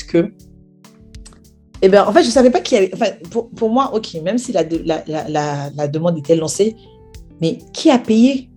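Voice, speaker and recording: A young woman telling a personal testimony as a story, acting out the quoted dialogue as she goes. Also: mid-range voice. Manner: animated retelling with acted-out quoted dialogue. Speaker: speaker sharing a personal testimony.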